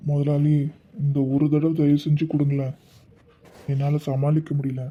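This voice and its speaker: A struggling working father, played by a man, speaking in an earnest, gentle and pleading way. His voice is a little high for a man. The sound is dull and lo-fi, like a home-made family skit. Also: little pitch movement, moderate pace, close to an everyday voice. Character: poor, humble working father. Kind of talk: amateur family skit acting. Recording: dull lo-fi recording.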